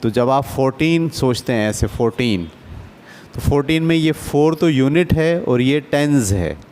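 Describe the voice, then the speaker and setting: A man's voice: mid-range voice, lively intonation, normal speed, darkish tone, a little hiss or hum. A man teaching a basic math lesson to adults, patient and often checking that the class follows. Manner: patient, asks checking questions.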